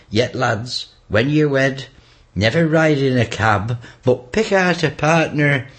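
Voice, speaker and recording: Slow man reciting verse. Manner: slow, measured reciting, dropping low on the refrain. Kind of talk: dialect poem recitation.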